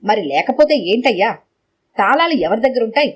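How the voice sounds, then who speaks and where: A man's voice: extremely high pitch, big pitch swings, fairly quick, fairly bright tone, full character voice. A woman narrator voicing a henpecked husband who is meek and sarcastic. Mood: sarcastic pleading.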